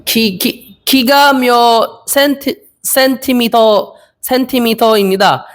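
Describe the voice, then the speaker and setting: A young man in his twenties from the Philippines, practicing Korean interview answers aloud, hesitant and repeating each phrase slowly. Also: extremely high pitch, fairly even intonation. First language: Filipino. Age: 20s. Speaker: Korean language learner.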